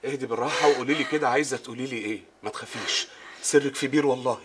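An actor with an Egyptian accent playing a man who takes charge and calms a distressed woman in a TV drama, insistent but soothing. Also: medium pitch, rapid-fire, lightly acted. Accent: Egyptian Arabic. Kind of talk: TV drama acting. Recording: music score underneath.

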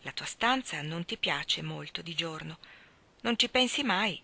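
Bright-voiced woman reading a story aloud. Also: sits low, creaky, breathy edge, no echo. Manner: measured, expressive, often dropping to a whisper. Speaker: narrator.

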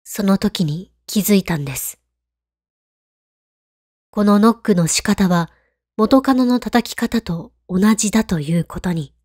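A woman reading a scripted horror story in a hushed, calm, creepy storytelling manner. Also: medium pitch, unhurried, long pauses, no echo, clean studio sound. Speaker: ghost story narrator.

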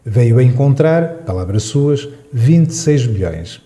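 A man reading his radio opinion column in a measured, dryly ironic way. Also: mid-range voice, lively intonation, mellow. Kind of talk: read radio opinion piece.

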